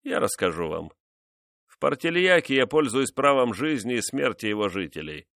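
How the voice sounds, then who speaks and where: A man voicing a cruel, vengeful nobleman who mocks his wife in a slow, menacing way. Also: medium pitch, sing-song, creaky, a bit bright, no room sound, clean studio sound, voice pushed up. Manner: mocking, menacing, measured.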